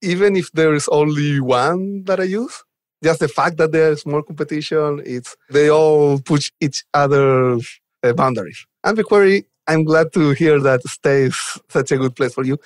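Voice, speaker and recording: As a guest on a podcast, a software developer advocate from Chile gives conversational, enthusiastic interview answers. His slightly high voice moves at a moderate pace in a dry, studio-quality recording.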